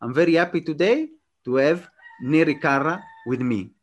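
Podcast host with a halting, eager manner. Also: male voice, on the high side, lively intonation. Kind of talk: interview.

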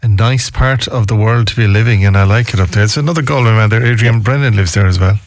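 A man's voice: fairly low pitch, fast, no room sound, studio quality. A man with a west of Ireland accent hosting a live radio phone-in, chatty, repeating himself and adding folksy tags. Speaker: radio host.

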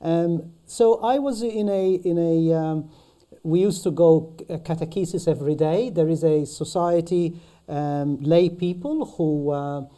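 A man with a Maltese accent, recounting his life in conversation as a podcast guest, halting and often repeating his words. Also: fairly high pitch, mellow. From Malta. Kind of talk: conversational personal recollection.

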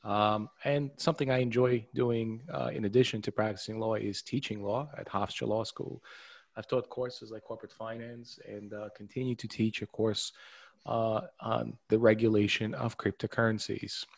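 A man's voice: fairly low pitch, flat delivery, normal speed, gravelly, no echo. A man moderating a webinar panel, upbeat and welcoming, with some fillers as he talks. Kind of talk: scripted-sounding webinar hosting.

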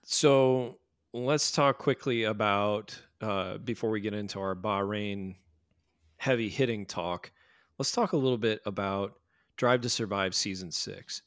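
A man's voice: fairly low pitch, a little slow, a bit bright, clear, resonant tone, no room sound. American man, podcast host, casual chat, joking, dry close mic. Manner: joking, leads the conversation.

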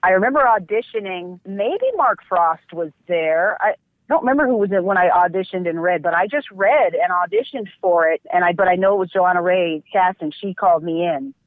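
A woman's voice: lowish voice, fairly quick, no echo. A woman actress and dancer talking in a chatty, effusive way as a guest in a phone interview. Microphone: telephone. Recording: tinny dry phone line.

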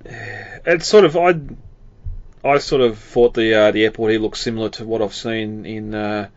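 A man's voice: lowish voice, fairly even intonation, normal speed, no room sound, highs cut off. A man co-hosting a casual film podcast, rambling with lots of fillers and frequent chuckles. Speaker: podcast co-host.

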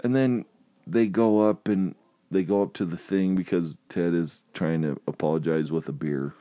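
A man in casual chat, retelling scenes with animated quoting and frequent laughter. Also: low-pitched, moderate pace.

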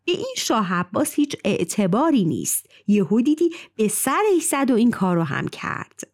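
A woman storyteller voicing a king disguised as a dervish, calm and inquiring. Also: on the high side. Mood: commanding.

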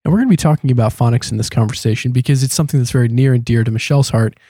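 Relaxed man hosting a studio chat. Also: mid-range voice, racing, husky, dry recording. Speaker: podcast host. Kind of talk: casual chat. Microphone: studio microphone.

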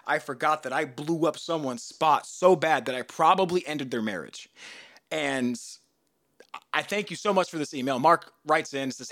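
A man in his thirties hosting a podcast, telling a story in a casual, animated way and jumping into loud, high voices for the people he quotes. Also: no echo, studio quality. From United States. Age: 30s. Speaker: podcast host.

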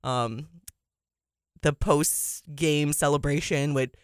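A woman's voice: slow, smooth, dry recording, clean studio sound. Chatty woman co-hosting a sports show. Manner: chatty, laughs often, animated swings in pitch. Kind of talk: casual sports talk.

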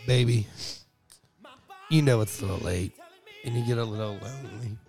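A man putting on a slow, seductive late-night phone-line voice, murmuring to a lonely caller. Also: mid-range voice, warm tone, faint music behind, close to an everyday voice. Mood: sultry.

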